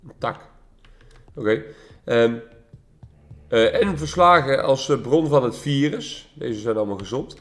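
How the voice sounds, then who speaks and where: A man with a Dutch accent commentates on a video game. His medium-pitched voice is casual and offhand, as if thinking aloud while he plays. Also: animated, unhurried, long pauses. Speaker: let's play host.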